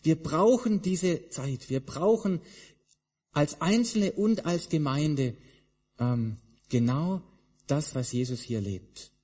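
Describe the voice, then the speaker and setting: A man preaching in a church hall, with a somewhat high, husky voice. He is emphatic, and his voice rises and drops through repeated phrases. A long reverb trails behind every line. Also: animated, slow, dark tone. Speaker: pastor. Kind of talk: sermon.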